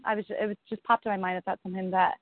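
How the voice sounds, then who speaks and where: A woman's voice: mid-range voice, flat delivery, rapid-fire, no room sound. A woman chatting casually on a group call, thoughtful and hesitant, restarting her sentences. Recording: tinny phone-like call audio.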